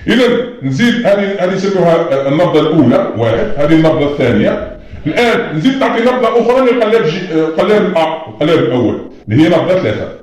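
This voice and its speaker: A man's voice: fairly high pitch, very animated, rapid-fire, darkish tone. A man teaching a lesson, patiently explaining at a board and often telling students to look closely. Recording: very echoey room.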